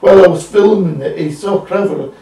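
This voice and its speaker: A man's voice: high-pitched, normal speed, dark tone. A man speaking as a guest in a casual interview, hesitant and rambling, repeating himself. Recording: roomy, distant mic.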